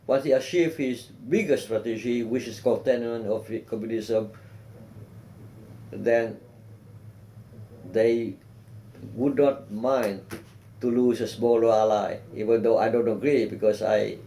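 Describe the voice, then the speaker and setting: An older man from South Vietnam with a Vietnamese accent, giving measured, earnest answers in an oral history interview, seated in an office. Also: medium pitch, fairly even intonation, warm tone, slight background noise, poor audio. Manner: measured, earnest, with frequent restarts and "you know". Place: office with bookshelf and plant. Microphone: seated, framed mid-shot by a camera.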